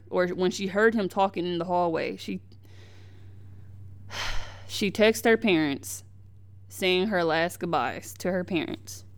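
A woman's voice: on the low side, smooth. A young woman hosting a podcast, giving heated, emphatic commentary on the news, with slang and frequent restarts. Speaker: podcast host.

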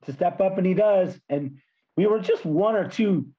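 A hoarse man who has lost his voice from yelling, hosting a casual sports podcast in a blunt, frustrated way. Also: high-pitched, moderate pace, lo-fi sound.

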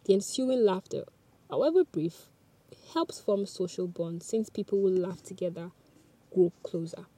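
On a podcast, a Yoruba-speaking woman offers an earnest motivational talk from a script, chatting directly to whoever is listening. She speaks at a measured pace in a lowish, dark voice with a breathy edge.

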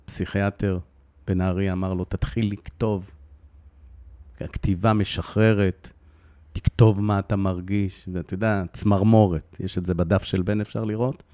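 A middle-aged man telling, with deep emotion, the story of losing his son, often repeating phrases for emphasis. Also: mellow, dry recording. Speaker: guest, bereaved father.

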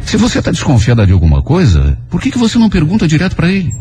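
A man voicing a tired young woman who brushes off an angry friend. She sounds weary and evasive, with a lively pitch. Soft music plays underneath. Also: very fast.

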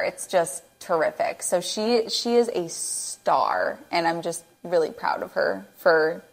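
A woman hosting as a nutrition coach, speaking earnestly and emotionally into her own microphone, close to tears. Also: fairly low pitch. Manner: earnest and emotional, nearly teary. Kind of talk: reflective interview commentary.

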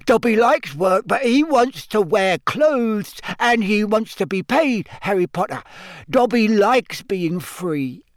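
A man voicing an eager, devoted small male house-elf in a squeaky, shrill, servile voice for an audiobook. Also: lively intonation, takes it slowly, dry recording, clean studio sound. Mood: excited, proud. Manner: servile, speaks of himself in third person.

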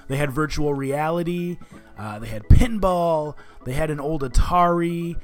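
A man's voice: a little high, measured pace, faint music behind. A man co-hosting a podcast in casual, enthusiastic chat, talking like he is with a buddy. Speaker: podcast co-host.

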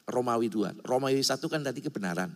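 A man's voice: mid-range voice, animated, quick pace. A male pastor preaching a sermon in a church hall, speaking emphatically and often calling his listeners brothers and sisters. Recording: long hall reverb.

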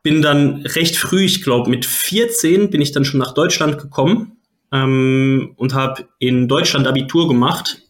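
A man from Switzerland, a guest coach, answering interview questions in a relaxed way, laughing often and tagging "ne?" onto his sentences. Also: medium pitch, unhurried. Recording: echoey room.

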